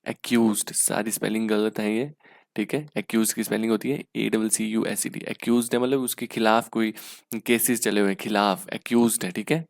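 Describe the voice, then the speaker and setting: Young indian man, english teacher, gravelly voice, dry close sound, slow word-by-word reading, rhetorical check-ins. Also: lowish voice, fairly even intonation, no echo. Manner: explains slowly, reads sentences out word by word; checks in with repeated rhetorical questions. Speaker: English teacher for exam prep. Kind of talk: casual online exam-prep lesson.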